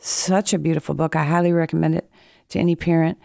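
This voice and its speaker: An older grandmother guest co-hosts a radio chat, her voice slightly hoarse from a cold. It sits low, with a gravelly fry and a dark, mellow tone, recorded dry and close. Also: fairly even intonation, fast talker, no echo. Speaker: guest co-host. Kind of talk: casual studio chat. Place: radio studio.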